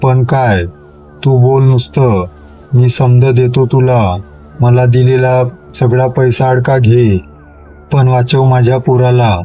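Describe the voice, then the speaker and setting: A man's voice: medium pitch, level tone, slow, warm tone, faint music behind, natural voice. A man voicing a desperate village father who pleads tearfully for his son's life in a spoken horror story. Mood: pleading. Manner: pleading, tearful, rural speech.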